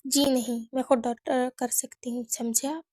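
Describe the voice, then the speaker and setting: A woman's voice: high voice, little pitch movement, moderate pace, a little mellow, no echo, studio quality. A woman narrator voicing a firm, guarded young woman who answers curtly. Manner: curt, refusing. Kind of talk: audiobook character reading.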